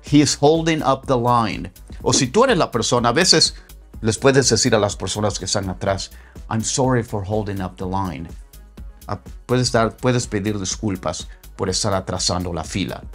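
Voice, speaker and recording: A man teaching English phrasal verbs in a bilingual lesson, repeating example sentences slowly and acting out lively phrases. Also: lowish voice, soft background music. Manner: slow, deliberate model sentences repeated for learners.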